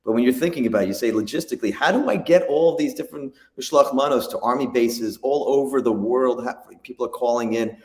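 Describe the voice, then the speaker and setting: A man joins the conversation remotely, and his voice comes through with a cave-like echo. His pitch sits in the middle of the male range, but it jumps up sharply whenever he stresses a point. He talks in an upbeat, emphatic way. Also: fast talker, hardly any pauses, a little mellow. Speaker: rabbi and co-host. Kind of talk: casual chat, joining remotely. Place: echoey remote room, location undisclosed. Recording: echoey remote call audio.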